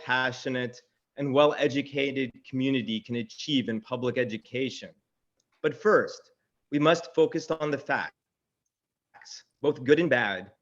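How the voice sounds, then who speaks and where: Man, public commenter, formal and deliberate, muffled dull sound. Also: medium pitch.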